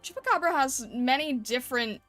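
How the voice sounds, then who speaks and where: High-voiced woman streamer in casual chat. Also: expressive, brisk, fairly bright tone. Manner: conversational, often ends with tag questions. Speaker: streamer hosting an art livestream. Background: background music.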